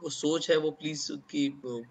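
A man's voice: on the high side, steady tone, slow, a little mellow. A man interviewing a guest, asking questions politely and calling him sir. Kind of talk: conversational interview.

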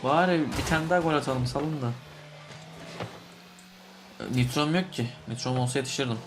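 A young man giving excited commentary on a game he is playing, shouting and cursing at it through a cheap desk microphone. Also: medium pitch, moderate pace. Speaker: gaming YouTuber. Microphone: cheap desk microphone on a laptop. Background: game music.

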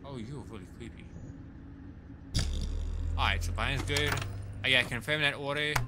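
A man giving casual commentary while he plays a horror game. He is excitable, swears when startled and talks to the characters on screen. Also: mid-range voice, moderate pace, background noise. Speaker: let's play host.

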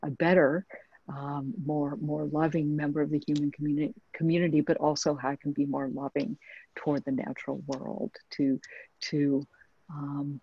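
A woman's voice: deep voice, level tone, normal speed, gravelly, slightly rough, dry recording. A woman author speaking thoughtfully on a webinar video call, hesitant with many restarts. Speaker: author guest. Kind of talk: reflective webinar conversation. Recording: muffled video call audio.

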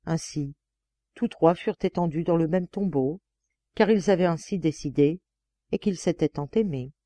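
A woman narrating a classic fairy tale as an audiobook reader, with gentle, expressive storytelling on a close mic. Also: low-pitched, moderate pace, no room sound.

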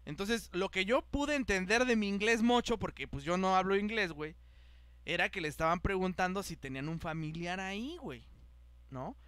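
A man's voice: high voice, moderate pace, clean tone, no room sound. A young man with a Mexican accent telling a travel story on a podcast. He talks in casual slang and acts out the people in it. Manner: animated, acts out the voices of people in his story, heavy slang. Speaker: podcast host.

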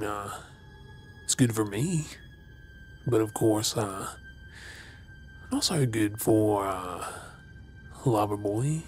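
Creepy male stalker played by a man for ASMR role-play: obsessive, menacingly tender, very slow delivery, music underneath. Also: on the low side. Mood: creepy, gloating. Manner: creepy, slow, hesitant pauses with mocking softness.

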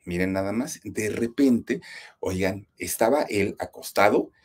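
A man's voice: lowish voice, measured pace, slightly rough. A man with a Mexican accent telling a spooky story, speaking straight to his listeners and building suspense. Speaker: horror storyteller, channel host. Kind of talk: dramatic spoken storytelling.

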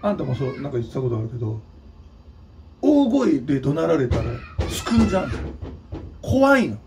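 A man's voice: medium pitch, sing-song, a little fast, recorded from a distance, noisy background. A man from Nagano, Japan, hosting his own channel, giving a blunt, scolding opinion monologue with mocking asides. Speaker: channel host and drummer.

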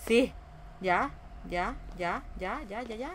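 A woman's voice: on the high side, expressive, takes it slowly, slight background noise. A young woman giving casual gameplay commentary, sassy and talking back to the game. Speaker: gameplay streamer.

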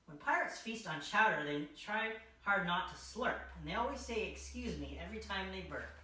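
Playing a costumed king, this young adult reads a picture book aloud for a children's story time, animated and mid-range at a moderate pace. A distant camera mic records the echo of a large, furnished indoor room along with faint noise.

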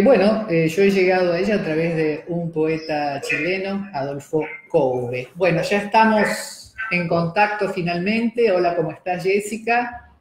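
Seated at a wooden table in a room with a screen, this middle-aged Argentine-accented host poses tentative, filler-laden interview questions. Her voice is on the low side, captured with roomy echo and slight background noise.

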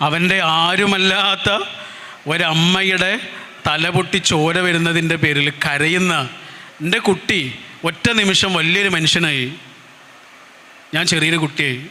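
A man's voice: high-pitched, fairly even intonation, a little slow, sharp tone, in a large hall, a little hiss or hum. A man giving a motivational speech, telling a personal story in an earnest, emotive way with repetitions. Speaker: motivational speaker.

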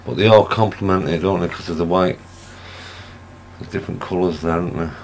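Deep-voiced easygoing man. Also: steady tone, fairly quick, a little hiss or hum. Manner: easygoing, brief agreeable comments. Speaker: partner chatting along with the host. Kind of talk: casual chat.

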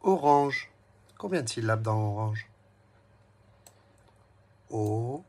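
Here a man with an animated, medium-pitched, slightly breathy voice works through a beginner reading lesson at a moderate pace. He addresses the child kindly, repeating words twice and dividing them into syllables so everything is slow and clear.

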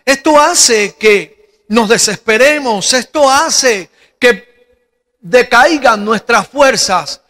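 In a large church hall that lends a long reverb, a middle-aged Cuban pastor preaches with a Cuban Spanish accent. His voice is very high and bright, his intonation lively, and his pace slow and measured; he speaks into a handheld mic and favors rhetorical questions.

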